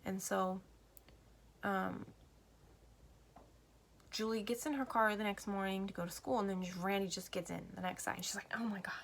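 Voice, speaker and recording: A woman chatting casually through a film recap in a valley girl manner, with vocal fry and lots of "like" and acted-out quotes. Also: mid-range voice, fairly even intonation, moderate pace, long pauses, slight background noise. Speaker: movie reviewer retelling a film.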